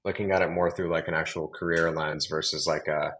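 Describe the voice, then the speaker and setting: A man's voice: extremely low pitch, flat delivery, brisk, fairly bright tone, rough recording. A young man from New York telling his career story in a casual interview, rambling with many fillers and restarts. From Long Island, New York. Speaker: guest, real estate developer.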